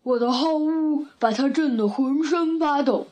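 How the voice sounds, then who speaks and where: A woman's voice: high-pitched, a little slow, darkish tone. A woman voicing a stubborn, growling male bear in a storybook. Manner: growling, contrary.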